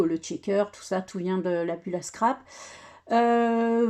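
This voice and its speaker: A woman's voice: on the high side, dark tone. A woman casually presenting a scrapbooking album, chatty and hesitant, with many fillers and restarts. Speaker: scrapbooking crafter showing her work. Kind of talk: casual craft tutorial.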